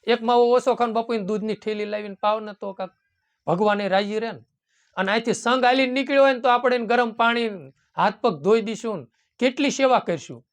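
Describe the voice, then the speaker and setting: A satsang preacher with a very high-pitched, fast male voice delivers a folksy devotional sermon. He quotes hymn verses and keeps calling his listeners "bapu" and "ram."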